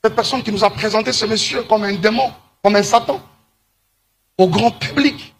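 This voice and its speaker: Man from Congo, higher-pitched, emphatic moralizing monologue to camera, drawn-out stresses. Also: steady tone, slight background noise. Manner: preachy, emphatic, slows to stress points. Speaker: commentator.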